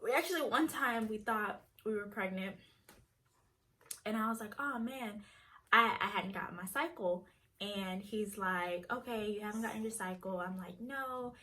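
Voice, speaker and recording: A woman's voice: mid-range voice, normal speed, bright, forceful tone. A young woman vlogger chatting casually, retelling a story and acting out each person's lines. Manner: chatty, acts out quoted dialogue.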